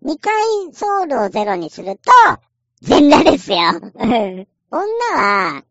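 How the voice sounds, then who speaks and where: A woman's voice: medium pitch, sing-song, takes it slowly, no echo, muffled recording. A woman casually explaining a game in a chatty, playful way, acting out little quotes as she goes.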